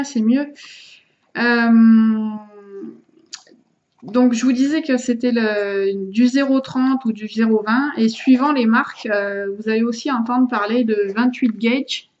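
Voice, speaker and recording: A woman with a fairly high voice talks viewers through her gear in a casual demonstration. She hesitates a lot, restarting phrases as she handles objects. The sound is dull and lo-fi, like a camera's own microphone. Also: darkish tone. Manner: hesitant, many fillers and restarts. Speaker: vlogger showing vaping gear.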